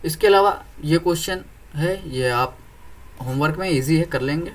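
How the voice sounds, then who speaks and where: A man's voice: fairly high pitch, normal speed. A young man teaching an exam-prep reasoning lesson, explaining step by step and often asking whether students follow. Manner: explains step by step, keeps checking "clear?".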